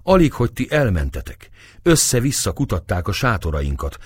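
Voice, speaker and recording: Storybook part: anxious young woman, pressing and pleading, raised-pitch voice, as a low-voiced male reader puts her on. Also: sing-song, husky, no room sound. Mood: urgent.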